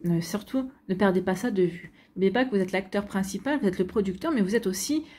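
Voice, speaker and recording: A woman's voice: mid-range voice, animated, fast talker, darkish tone. A woman doing a tarot reading for her viewers, talking straight to them with many fillers and restarts. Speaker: tarot card reader. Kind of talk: spontaneous tarot reading to camera.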